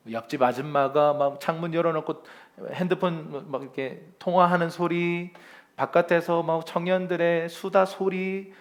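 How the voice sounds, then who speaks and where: A male pastor giving a lively, conversational Sunday sermon to a congregation in a church, acting out complaints and chuckling as he goes. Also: fairly high pitch. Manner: chuckles often while speaking.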